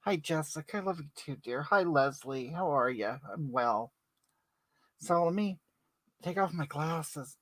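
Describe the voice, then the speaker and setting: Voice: mid-range voice, lively intonation, measured pace, dry recording. A performer playing a brash older woman who chats through a makeup livestream and greets viewers by name. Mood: chatty. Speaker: livestream host. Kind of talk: comedic livestream character.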